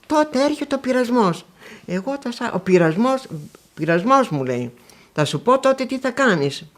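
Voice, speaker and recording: Elderly woman telling old stories. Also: fairly high pitch. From Konitsa area, northwestern Greece. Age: older. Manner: lively storytelling, acting out remembered dialogues. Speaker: interviewee. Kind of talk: recounting memories.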